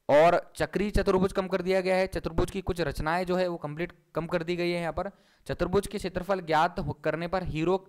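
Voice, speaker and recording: A man with a high voice teaches an online class, walking viewers through a document one item at a time. He repeats his instructions again and again as he goes. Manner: repeats points over and over, instructing.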